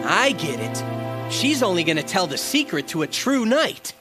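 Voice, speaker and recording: A breezy young hedgehog hero from a video game. He is cocky and impatient, tossing off slang with very lively swings in pitch, over a music bed. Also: moderate pace. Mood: casual. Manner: flippant, casual slang. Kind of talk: video game cutscene acting.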